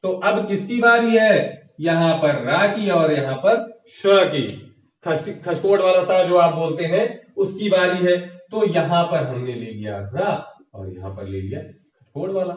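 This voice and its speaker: A male teacher with a high voice runs an exam-prep grammar lesson. He poses a question, then answers it himself, and repeats each key term for his listeners. The sound is dull and lo-fi, echoing from a distance in the room. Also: animated, a little slow. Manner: asks the class questions and answers them himself; repeats key terms, addressing viewers as friends.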